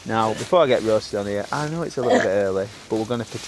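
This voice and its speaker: A man's voice: fairly low pitch, racing, background noise. A man, vlogging casually and chatting in a rambling way while working outdoors on his allotment and in a greenhouse. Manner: chatty and rambling, with filler words. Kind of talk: casual vlog chat.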